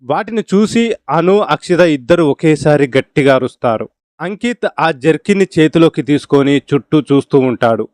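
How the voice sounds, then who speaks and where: Smooth-voiced man narrating a horror tale. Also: medium pitch, a little mellow, dry recording. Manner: voices all characters himself, quick dialogue exchanges. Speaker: storyteller. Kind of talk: scripted narration of a horror story.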